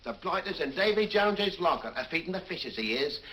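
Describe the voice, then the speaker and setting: An actor playing a rough, greedy seaman, jeering and boisterous in 1940s film style. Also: fairly high pitch, lively intonation, a little fast, bright, forceful tone, poor audio. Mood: taunting. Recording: hissy 1940s film soundtrack.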